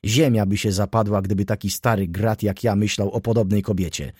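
A man voicing an aging, excitable old shop clerk who pleads fervently and climbs to high, excited peaks. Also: brisk, slightly rough, no echo, studio quality. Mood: gossipy. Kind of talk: audiobook dialogue reading.

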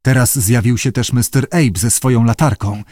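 A mid-range male voice reads an audiobook script at a moderate pace, bringing expressive storytelling to it. The sound is clean studio audio with no room sound.

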